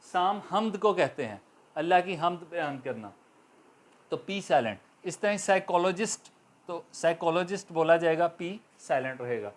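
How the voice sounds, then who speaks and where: Man teaching English pronunciation. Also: fairly high pitch. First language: Urdu. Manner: explains slowly, spells letters out, repeats words for drill. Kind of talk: spoken grammar lecture.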